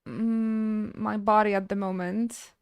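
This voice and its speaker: A woman game streamer chatting casually with her live audience, halting and stammering as she thanks viewers between frequent laughs. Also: medium pitch, little pitch movement, smooth, no echo.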